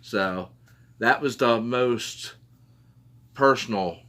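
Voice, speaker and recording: A man's voice: medium pitch, very slow, pushed and bright. A man co-hosting a paranormal live stream, telling personal stories in an earnest way and repeating himself for emphasis. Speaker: paranormal investigator, co-host. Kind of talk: casual storytelling on a live stream.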